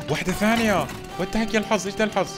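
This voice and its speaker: A young man giving excitable gameplay commentary, animated and quick to burst into loud exclamations and English slang. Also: high-pitched. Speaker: gamer streamer. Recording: music playing under the voice.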